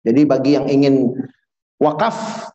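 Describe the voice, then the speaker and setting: A man's voice: mid-range voice, level tone, dark tone. Man teaching prayer in an echoey hall. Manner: keeps quizzing the audience with quick questions; chants Arabic prayer phrases slowly. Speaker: religious teacher. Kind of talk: religious lesson to a live audience. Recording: echoey, slightly dull hall recording.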